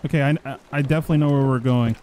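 A woman's voice: a bass voice, fairly even intonation, racing, dark tone, slight background noise. A woman chatting casually while playing a co-op video game. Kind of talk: casual co-op gaming chat. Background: game music.

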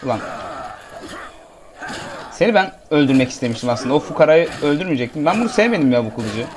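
A man chatting his way through a video game with a fairly high, lively voice that rises and falls a lot. He jokes and talks back to the characters on screen. A faint hiss of noise sits under the recording. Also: quick pace. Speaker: gameplay commentator. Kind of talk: casual let's-play commentary.

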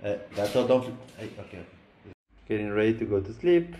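A man's voice: lowish voice, animated, moderate pace, warm tone, a little hiss or hum. A man with an Argentine accent chatting casually at home for a vlog, coaxing his pet and baby in a playful, teasing way. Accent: Argentine Spanish. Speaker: vlogger. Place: home, indoors.

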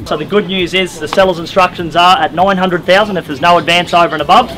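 A man's voice: sits high, fairly even intonation, fast, bright, forceful tone, slight background noise, poor audio. A young Australian man working as an auctioneer, addressing bidders outdoors with formal, courteous patter. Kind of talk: live auction bid calling. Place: open-air wooden deck outdoors. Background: music.

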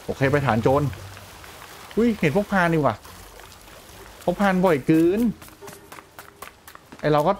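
A man hosting a gaming channel, giving chatty, playful let's play commentary with excitable outbursts during fights. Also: fairly high pitch, a little hiss or hum. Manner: playful, chatty banter with in-game characters.

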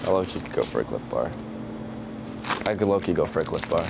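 A young man talking casually in a prank vlog, joking and laughing often with quick slangy talk, filmed on a handheld camera in stores and outside. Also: sits low, expressive, vocal fry, noisy background. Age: young adult. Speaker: vlogger. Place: stores, parking lot and gas station, indoors and out.

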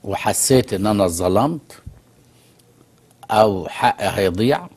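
An Egyptian man with an Egyptian Arabic accent, a talk show guest calmly explaining through stories. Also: lowish voice, normal speed, breathy edge. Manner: storytelling, calm and explanatory. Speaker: guest expert on immigration. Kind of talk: studio talk show conversation.

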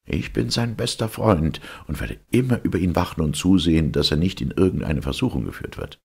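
A man doing a pompous miller, husky and gravelly. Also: low voice, animated, fairly quick, a little mellow, full character voice. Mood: preachy. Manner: preachy, self-satisfied. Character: pompous self-righteous male miller.

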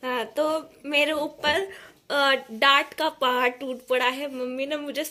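A young woman vlogging casually at home with her family, chatty and quick to laugh as she talks to her viewers. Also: high voice, steady tone, pushed and bright. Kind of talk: casual home vlog chat.

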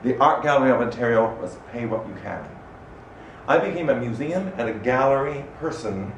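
A middle-aged man from Canada giving an animated, expressive public talk as an arts director in a small room. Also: medium pitch, moderate pace, muffled recording. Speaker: arts director speaking at a salon. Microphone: standing microphone. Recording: echoey room from far off, faint noise.

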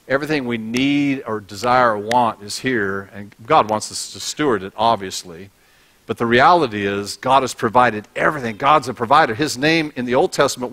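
A middle-aged male pastor delivers a sermon with an easy, joking, conversational manner, his voice sitting at an ordinary middle pitch. He speaks through a body-worn mic on a large church stage. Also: a bit bright. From United States. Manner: humorous, conversational preaching, props in hand.

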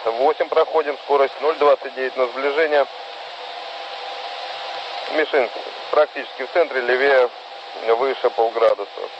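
A man, a cosmonaut, calmly giving clipped technical callouts over a space radio downlink that breaks up. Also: medium pitch, normal speed, long pauses. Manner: calm, clipped technical reporting. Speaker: cosmonaut reporting docking. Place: spacecraft cabin. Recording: noisy, lo-fi radio from orbit.

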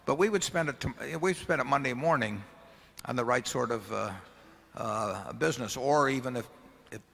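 A man's voice: mid-range voice, normal speed, creaky, a bit bright. An older man answering shareholder questions on a large arena stage at a table microphone, talking in a folksy, rambling way with many restarts. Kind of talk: casual conversational answers at a meeting. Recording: long hall reverb from arena PA.

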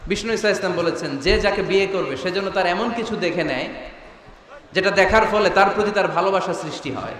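A man's voice: high-pitched, brisk, a bit bright. A man preaching a sermon, often asking the crowd questions and pushing them to answer. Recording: echoey hall with long reverb.

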